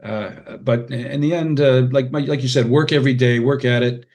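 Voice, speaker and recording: With a steady, darkish medium-pitched voice, an older American man talks at a moderate pace. He's a retired radiologist and writer guesting on a podcast, casually recalling old times and quoting people in quick anecdotes.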